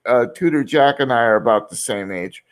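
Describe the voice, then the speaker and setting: An English teacher in his sixties chats casually in a group, his medium-pitched voice moving a little fast. He rambles in a reflective, self-deprecating way.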